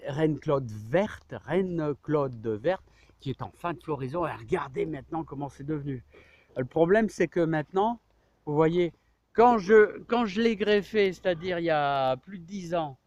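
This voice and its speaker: Middle-aged male vlogger: slightly high, soft warm tone, dry sound, chatty and marvelling, circles back on his words. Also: dry recording, lo-fi sound. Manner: hesitant, rambling, often repeating himself and adding tags like "hein". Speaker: amateur orchard owner showing his trees. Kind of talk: casual spoken garden tour to camera. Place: outdoors in an orchard.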